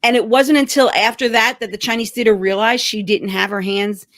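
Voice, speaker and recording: A woman hosting a podcast, casually recounting a trip with pauses and fillers. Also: on the high side, steady tone, a bit bright. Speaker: podcast host. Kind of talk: casual chat.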